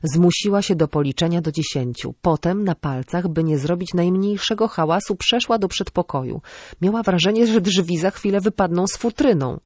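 Female audiobook narrator, steady storytelling, dry studio sound. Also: fairly low pitch, normal speed, no echo. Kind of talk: scripted narration.

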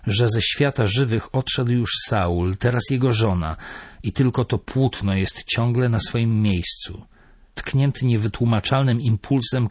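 Male narrator, crime novel audiobook, husky, fairly low, dry close sound. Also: no echo.

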